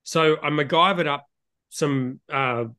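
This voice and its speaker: A man's voice: fairly high pitch, slow, pushed and bright. A man with an Australian accent co-hosting a casual chat, blunt and sweary as he talks and tells stories. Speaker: beer show co-host.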